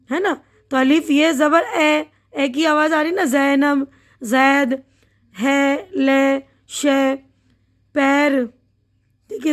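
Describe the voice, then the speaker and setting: A high-pitched woman with an Indian Urdu accent teaches young children to read in an online lesson. She speaks patiently, slowly and clearly, often pausing to check that her listeners are following along. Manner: patient, slow and clear, with frequent "theek hai na" check-ins.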